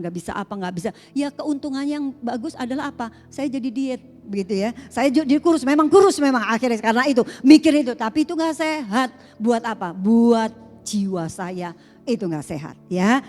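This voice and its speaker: A woman pastor preaches in a high, bright voice, chatty and animated as she asks her listeners questions. Her words ring out with long reverb in a church hall. Soft music sits faintly behind her. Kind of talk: sermon. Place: church sanctuary.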